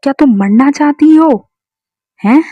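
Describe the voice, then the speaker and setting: A woman's voice: medium pitch, moderate pace, breathy edge, dry recording. A woman voicing a rich, domineering young man, read out plainly in her own voice. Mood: furious. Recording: dull lo-fi recording.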